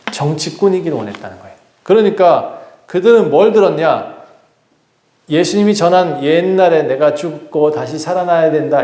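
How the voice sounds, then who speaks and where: A male pastor preaching a sermon in a relaxed, conversational way, putting questions to the congregation and prompting them to respond. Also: on the high side. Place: church sanctuary. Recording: echoey church hall.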